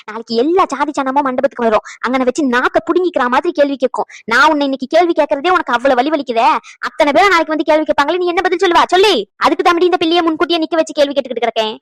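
Cartoon role: woman voicing domineering old granny, taunting, high-pitched, quick-fire. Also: no room sound, studio quality, close to an everyday voice. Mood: scolding. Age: older. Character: harsh old grandmother, scornful and domineering. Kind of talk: cartoon voice acting.

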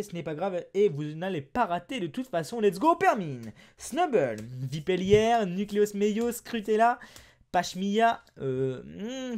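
A man with a French accent narrates his card openings in a lively, sing-song voice that swoops up and down. He chats to viewers casually, bursting into excited exclamations over good pulls. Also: sits high. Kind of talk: casual unboxing chat.

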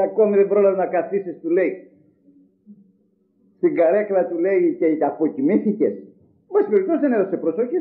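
Older Greek preacher, high and lively, tinny tape. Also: male voice. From Greece. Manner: storytelling, acting out quoted dialogue, rhetorical questions. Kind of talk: sermon with told anecdotes. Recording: tinny lo-fi old tape recording.

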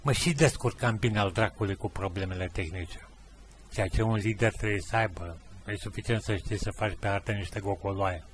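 A man's voice: fairly low pitch, slight background noise. A middle-aged man with a Romanian accent telling rambling anecdotes in a casual monologue and acting out the dialogue. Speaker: podcast host.

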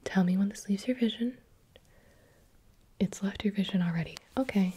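A woman whispering softly and patiently as an examiner in an ASMR roleplay, close to the microphone. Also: mid-range voice, normal speed, slight background noise. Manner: soft unvoiced whispering, patient and coaxing. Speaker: roleplay examiner giving eye and hearing tests. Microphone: close mic, leaning near the ear.

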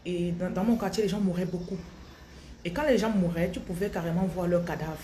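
Mellow and on the low side, the voice belongs to a Cameroonian woman in her thirties with a Cameroonian French accent, a spiritual coach reflecting for her followers. She goes slowly and thoughtfully, frequently restarting, into a phone held close at arm's length in a small tiled room, with slight background noise.

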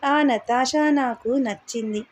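Brief: gentle young man in love, voiced by a woman narrator, quiet and soft. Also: high voice, slow pace. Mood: wistful.

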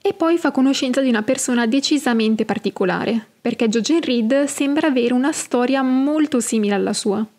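A woman hosting a podcast, narrating and explaining fantasy lore in a measured, explanatory way. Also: sits high, darkish tone. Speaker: podcast host.

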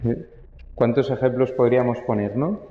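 A man's voice: medium pitch, normal speed, reverberant, big-room sound, narrow, tinny audio, a little hiss or hum. A young adult man, a priest, giving a homily in a conversational way and putting questions to his listeners. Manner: conversational, asks the congregation questions.

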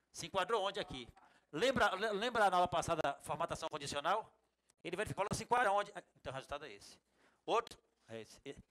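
A man with a Bahian Brazilian accent teaching a computer class in a classroom, lively and jokey, talking straight to his students. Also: on the high side. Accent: Bahian Brazilian Portuguese. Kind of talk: classroom lecture.

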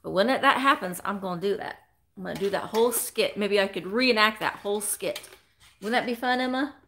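A woman in her forties speaks briskly in a medium-pitched, slightly bright voice, with a little hiss or hum in the audio. Hosting a chatty live vintage sale from a small room of vintage decor, she chats animatedly at her close-framed desk webcam and greets viewers by name.

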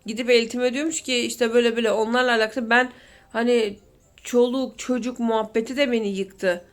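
A woman's voice: on the high side, steady tone, a little fast. A woman in her thirties talking to camera in an emotional, rambling vlog, close to tears at times. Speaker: vlogger. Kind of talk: confessional vlog chat.

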